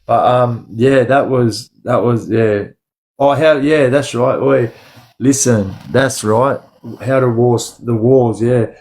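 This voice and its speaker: The recording is rough on this Australian livestream host from Sydney. At medium pitch, slow and darkish in tone, he chats casually in blunt street slang, rambling, repeating phrases, and often calling viewers bro or lad.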